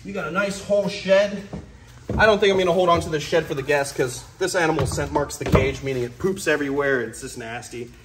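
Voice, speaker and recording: Over music, a young snake keeper hosts a laid-back wildlife vlog, playful and enthusiastic, his fairly high voice moving a little fast. The young adult man is recording indoors in a reptile room whose hard concrete floor makes the sound echo.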